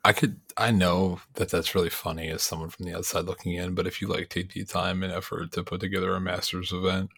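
Male podcast co-host, very low husky voice, rambling casual chat. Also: flat delivery, quick pace, few pauses, fairly bright tone. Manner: rambling, laughs easily, many fillers.

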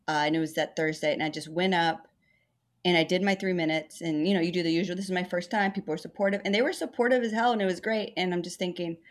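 A woman's voice: fairly low pitch, steady tone, fast. A woman comedian from Texas, in her thirties, telling her story in a chatty, self-deprecating way during an interview. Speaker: stand-up comedian.

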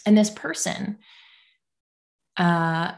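A woman guest telling stories in a casual interview, animated and self-mocking, laughing often as she talks. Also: on the low side, extremely slow, vocal fry. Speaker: podcast guest.

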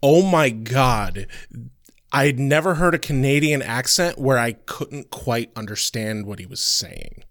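A man's voice: medium pitch, animated, unhurried, fairly bright tone, no room sound. A young adult man co-hosting a podcast, rambling through stories with frequent laughs and easy swearing. His voice sits mid-range for a man, recorded close and dry with no room sound. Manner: laughs often, loose storytelling with profanity. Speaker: podcast co-host. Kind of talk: casual chat.

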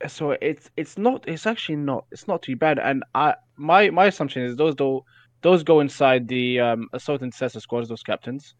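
A man's voice: mid-range voice, normal speed, dry recording. A man speaking as a guest on a casual gaming podcast, breaking down game strategy with frequent fillers and restarts. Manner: hesitant, many fillers and restarts, analytical.

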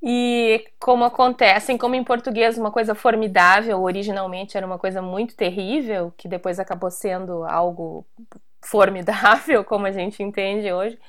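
A woman's voice: mid-range voice, fairly even intonation, normal speed, fairly bright tone. Woman host, chatty, explains at length. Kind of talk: casual interview.

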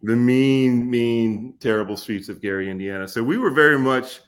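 A man in his forties from Kentucky, a podcast guest telling stories in an unhurried way with frequent ums and restarts. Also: medium pitch. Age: 40s. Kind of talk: casual podcast interview.

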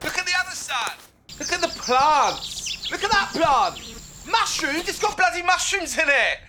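A giddy gamer in a clip. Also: male voice, extremely high pitch, big pitch swings, unhurried, heavy background noise, full character voice. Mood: amazed. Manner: giddy, childlike wonder. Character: excitable male gamer playing a giant woman avatar.

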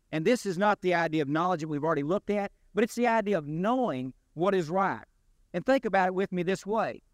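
A man preaching a sermon as pastor, in a deliberate, emphatic delivery with rising and falling stresses. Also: high voice, no echo, studio quality.

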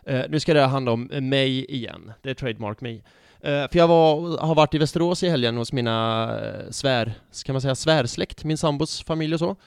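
A man in a casual football podcast, telling a match story in an animated way and swearing freely. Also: mid-range voice, creaky, few pauses, smooth, no echo, clean studio sound. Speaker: podcast co-host.

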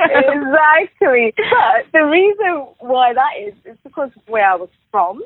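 UK woman, reflective guest, halting delivery, lo-fi phone-line sound. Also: high-pitched, big pitch swings, dry recording. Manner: reflective, halting, many restarts. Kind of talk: casual conversation. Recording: phone-line quality, dry.

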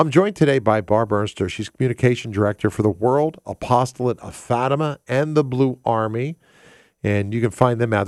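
A man's voice: on the low side, darkish tone, no room sound, clean studio sound. A man hosting a conversational radio show, often rephrasing himself and posing rhetorical questions. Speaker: radio host. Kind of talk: conversational talk radio presenting. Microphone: close studio microphone.

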